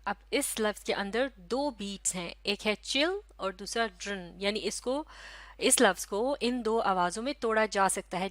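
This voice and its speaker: A woman teacher with a Pakistani Urdu accent, giving a recorded lesson to children, stretching out syllables slowly and asking questions that she answers herself. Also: mid-range voice, a bit bright, no echo. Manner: slow, careful, drawn-out syllables for children. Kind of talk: recorded classroom lecture.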